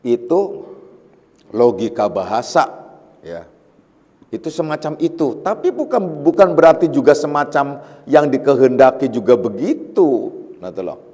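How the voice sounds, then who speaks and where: A man's voice: medium pitch, sing-song, normal speed, pauses often, dark tone. Man teaching a religious lecture in a reverberant hall. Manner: explains patiently with repetition and everyday examples; warns emphatically. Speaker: Sufi teacher giving a night study session. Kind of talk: religious lecture on a classical text.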